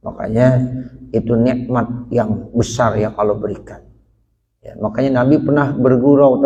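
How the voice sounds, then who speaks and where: A man's voice: medium pitch, a little mellow. A male preacher giving a colloquial, storytelling sermon, acting out quoted voices and chanting Arabic verses. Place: prayer hall. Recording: echoey hall.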